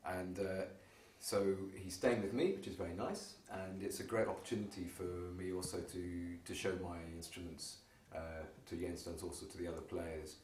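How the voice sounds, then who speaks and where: A man with a very deep voice chats easily, dropping in plenty of fillers as he talks about his instruments. He sounds set back from the microphone in an echoey room. A faint ambient hum sits underneath. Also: normal speed, few pauses. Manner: relaxed, with many fillers. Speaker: guitar maker showing his instruments. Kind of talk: casual conversation. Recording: roomy, distant mic with faint ambience.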